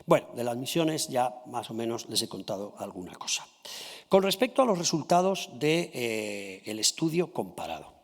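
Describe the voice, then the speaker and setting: A Spanish man gives a formal conference talk presenting a comparative study, in a medium-pitched, sing-song voice with the long reverb of a large hall. He politely walks the audience through his findings, checking they follow with a quick "¿sí?" or "¿vale?".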